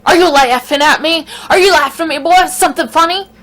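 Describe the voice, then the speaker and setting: A woman putting on a furious screaming man, high strained yell, sharp tone, repeats threats. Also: brisk. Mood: screaming, threatening. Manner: screaming, repetitive taunting.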